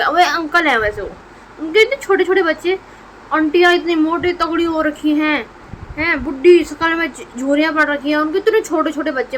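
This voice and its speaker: Bright high-pitched young Indian woman vlogger. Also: slight background noise, rough recording. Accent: Hindi. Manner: joking, chatty, addresses friends. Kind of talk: casual vlog chat.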